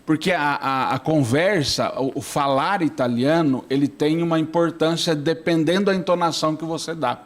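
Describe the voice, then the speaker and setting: A middle-aged man speaking as a priest in a relaxed talk-show conversation. His voice sits a little high for a man. He rambles in a friendly way, checking in with the listener after almost every sentence. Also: normal speed, hardly any pauses. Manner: chatty, keeps asking "não é?". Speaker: priest, studio guest.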